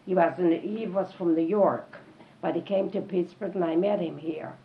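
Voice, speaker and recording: An elderly woman reminisces in an interview, halting and repeating phrases for emphasis. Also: lowish voice. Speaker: oral history interviewee. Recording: dull, lo-fi tape with faint noise.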